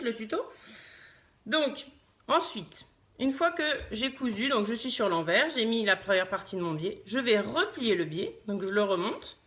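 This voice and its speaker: A woman's voice: on the high side, a bit bright. Chatty French sewing teacher, woman. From France. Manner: chatty, thinks aloud with many fillers, greets viewers. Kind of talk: live sewing tutorial. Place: sewing room at her machine.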